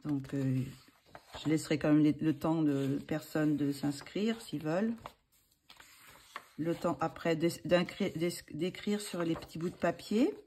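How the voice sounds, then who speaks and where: A woman's voice: low voice, fairly even intonation, a little slow, warm tone, a little hiss or hum. A woman hosting her own channel, chatting casually and hesitantly with many fillers and restarts as she shows books. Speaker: channel host showing books for a giveaway. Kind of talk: casual chat.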